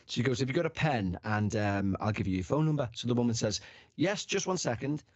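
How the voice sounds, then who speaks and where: A man telling anecdotes in relaxed, chatty conversation, at a medium pitch. He acts out each quote and swears casually. His voice is recorded close and dry, with no room sound. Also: fast, dry recording, highs cut off. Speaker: podcast guest or host. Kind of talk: casual chat, storytelling.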